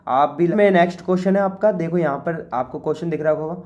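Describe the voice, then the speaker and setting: A man's voice: a little high, darkish tone, lo-fi sound. Indian man talking through an exam paper. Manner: chatty, repeats "okay" often, reads English lines slowly. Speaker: teacher. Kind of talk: exam paper walkthrough lesson.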